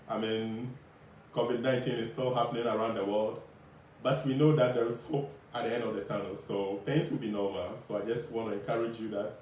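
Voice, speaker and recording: A man's voice: mid-range voice, darkish tone. A man preaching an earnest, exhortatory sermon to an online audience, repeating his phrases as he urges listeners on. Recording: echoey, distant mic, faint noise.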